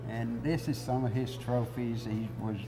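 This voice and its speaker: A man's voice: mid-range voice, little pitch movement, normal speed, poor audio. A man with a Southern US accent, casually explaining local history as a guide. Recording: music behind the voice.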